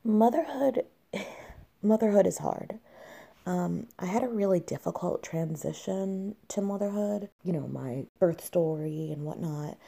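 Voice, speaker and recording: A young woman hosts a candid solo podcast in a warm, creaky voice on the low side. She talks with many fillers and restarts and sounds a little nasal from congestion.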